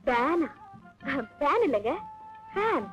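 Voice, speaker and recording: An actress playing a sharp-tongued, teasing young village wife in a film comedy, quarrelsome. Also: female voice, high-pitched, lively intonation, brisk, dull audio, faint music behind. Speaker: wife, daughter-in-law. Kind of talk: 1980s film comedy acting.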